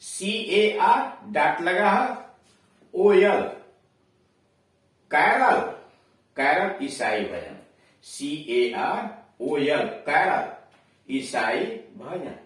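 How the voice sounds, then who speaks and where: A man with a Hindi accent, teaching English pronunciation slowly in a classroom lesson, repeating each word as he explains it. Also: fairly high pitch, big pitch swings. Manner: slow, explanatory, repeats words for drilling. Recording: echoey room, voice far from mic.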